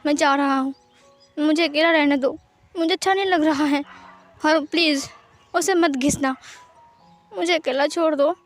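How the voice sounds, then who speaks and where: Woman doing a resentful young male ghost, high voice, brooding and angry, storybook reading. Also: fairly even intonation, normal speed, pauses often, faint music behind, natural voice. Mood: sulky. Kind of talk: storytelling voice acting.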